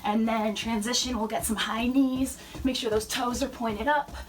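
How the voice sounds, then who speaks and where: A young woman fitness instructor cueing warm-up moves while she exercises, a little out of breath. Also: on the high side, fairly even intonation, normal speed. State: slightly out of breath. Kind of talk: workout instruction. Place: fitness center. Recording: distant mic with faint room noise.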